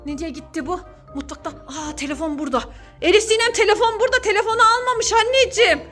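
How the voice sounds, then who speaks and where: A mother with a very high, bright-sounding voice. She exclaims and scolds in a staged family skit filmed at home. Soft music plays faintly underneath. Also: fast talker. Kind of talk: staged family skit, talking to her child.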